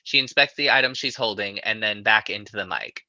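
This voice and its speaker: A man's voice: on the low side, brisk, sharp tone, no room sound, highs cut off. A man narrating stage directions in a live screenplay reading.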